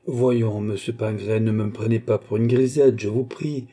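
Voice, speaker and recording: A man's voice: fairly low pitch, fairly even intonation, moderate pace, mellow, close to an everyday voice. A man reading aloud and voicing a haughty noble countess who bargains imperiously. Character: haughty proud noble countess, adult woman.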